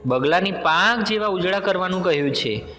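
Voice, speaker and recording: A man's voice: high-pitched, expressive, a little fast, pushed and bright, big-room sound. A man voicing a mistreated young girl who pleads meekly. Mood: meek pleading. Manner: pleading, meek.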